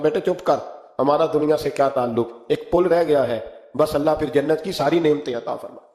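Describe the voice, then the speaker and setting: A man's voice: a little high, darkish tone. Impassioned man preaching, echoey. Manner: impassioned, rising into emphatic rhetorical questions; storytelling, acts out quoted speech. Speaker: Islamic cleric. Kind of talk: sermon.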